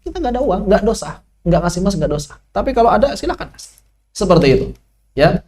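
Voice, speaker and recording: A man's voice: high voice, sing-song, quick pace, darkish tone, a little hiss or hum. A man teaching Quran recitation rules in an online lesson, asking questions and answering them himself.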